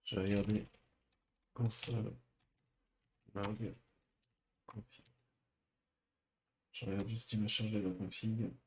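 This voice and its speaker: A man streaming a live coding session, thinking aloud with many pauses and fillers. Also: lowish voice, little pitch movement, a bit bright.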